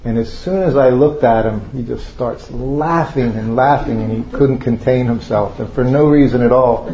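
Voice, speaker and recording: A man casually tells a group a long personal story from his memories, rambling and laughing often. His voice is mid-range and mellow at normal speed, recorded lo-fi in an echoey room with a little hiss or hum.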